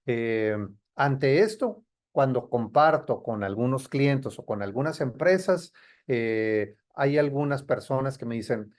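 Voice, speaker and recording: A man's voice: mid-range voice, slow pace, darkish tone. A man, a trade compliance consultant, explaining security rules in a didactic way and checking in with his listeners. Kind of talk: explanatory talk.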